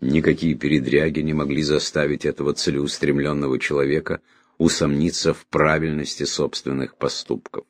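A man narrating a first-person audiobook in a steady storytelling manner. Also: rumbling low, normal speed, no echo, studio quality. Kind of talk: scripted narration.

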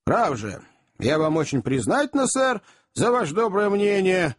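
An excitable young widow and landlady from an audiobook, voiced by a man. She speaks in a high, husky voice that leaps sharply in pitch. Her outbursts are emotional and shrill. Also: moderate pace, no room sound, studio quality. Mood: coy.

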